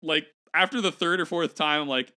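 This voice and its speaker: A man's voice: a little high, normal speed, very noisy. A man co-hosting a casual podcast who is easygoing and agreeable and laughs along with his friend. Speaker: podcast co-host. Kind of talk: casual chat.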